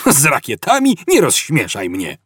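A man voicing a brash, excitable male spaceship captain in an audiobook, loud and boastful. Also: a little high, moderate pace, slightly rough, dry recording, studio quality, voice pushed up.

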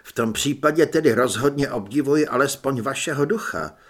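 A man doing a loud, flustered newspaper man. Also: medium pitch, lightly acted. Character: flustered middle-aged male newspaper man. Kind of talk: audiobook character voice.

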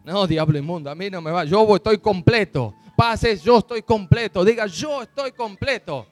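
Fervent pastor preaching. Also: male voice, sits high, a little fast, no echo, faint music behind. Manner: fervent, building to shouted declarations. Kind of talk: sermon.

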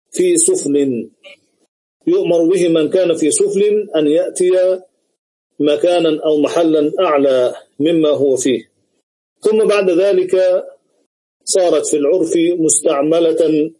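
A man giving a grammar lesson over an online video call, speaking deliberately and repeating each example several times. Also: a little high, mellow, husky, low-quality recording. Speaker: grammar teacher.

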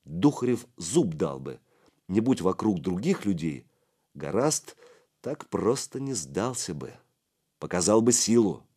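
A man narrating an audiobook in an expressive storytelling manner. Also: sits low, slightly rough. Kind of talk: scripted narration.

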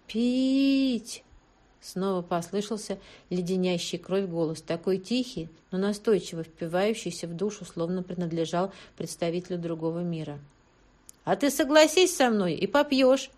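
A woman narrating a first-person audiobook in a tense, expressive way. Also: fairly low pitch.

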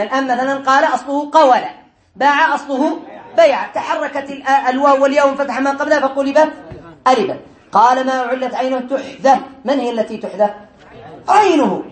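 A male teacher giving a classroom lesson on Arabic morphology, reading a text aloud, explaining it, and quizzing his students. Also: very high-pitched. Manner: quizzes the class, answers his own questions. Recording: echoey room.

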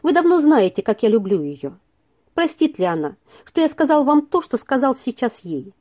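Woman reader as a gentle young man, earnest, trembling, lively pitch, mellow, audiobook. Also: normal speed. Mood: heartbroken. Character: gentle young male tutor in love.

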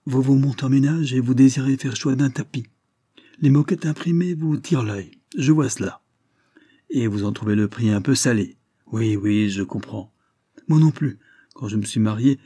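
A man's voice: lowish voice, moderate pace, darkish tone, breathy edge, dry recording, clean studio sound. A man voicing a chatty, jovial middle-aged shop floor manager with voluble salesman patter, in a read-aloud story.

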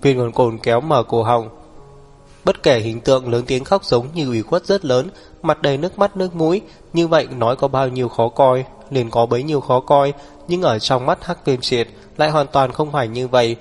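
A man narrating an audiobook in a steady, even reading style. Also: medium pitch, moderate pace, faint music behind.

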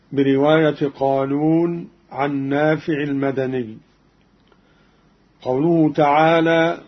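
A man giving a formal broadcast explanation of Quran reading variants, in a measured, deliberate delivery that slows further for the quoted verses. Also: fairly high pitch. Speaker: radio presenter of a Quran recitation program. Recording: dull lo-fi archive radio recording.

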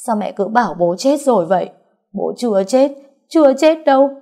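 A woman's voice: on the high side, lively intonation, slow, voice pushed up. A woman playing a sobbing young daughter in grief. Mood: anguished wailing. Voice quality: hoarse. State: crying. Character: grief-stricken young woman wailing over her dead father.

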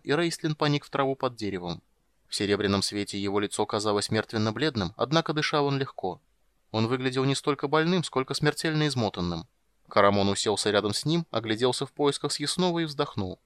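A man narrating a fantasy audiobook in an even, measured storytelling manner. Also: lowish voice, no room sound, clean studio sound.

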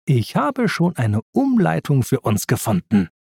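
A man voicing a clever, brave female spy car in a storybook, with a raised, lively voice. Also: mid-range voice, a little slow, vocal fry, breathy edge, dry recording, clean studio sound, heavily acted. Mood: determined. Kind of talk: storybook reading.

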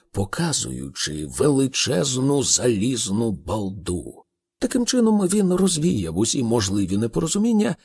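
A man narrating an audiobook in an expressive, unhurried storytelling manner. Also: mid-range voice, breathy edge.

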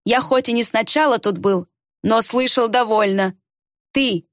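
A woman voicing a stern old village elder who speaks slowly and with weight. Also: fairly high pitch, no room sound, studio quality, lightly acted. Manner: slow, weighty, commanding.

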